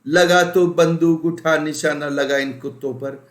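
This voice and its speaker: A man playing a menacing male bandit chief who barks loud commands. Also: on the high side, fairly even intonation, a little slow, pitched above the performer's own voice, lightly acted. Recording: roomy echo.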